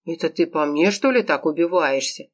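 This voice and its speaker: A woman reading an audiobook, voicing a smug, easygoing man with a slow drawl. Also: low voice, expressive. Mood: smug indignant. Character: smug laid-back adult man, Kurakin. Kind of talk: audiobook character voice.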